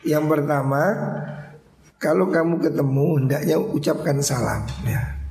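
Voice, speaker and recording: A man's voice: a little high, a little slow, vocal fry, darkish tone. A man with a Javanese accent, an Islamic cleric giving a religious study lecture, translating Arabic phrase by phrase and asking emphatic rhetorical questions. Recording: roomy echoey hall.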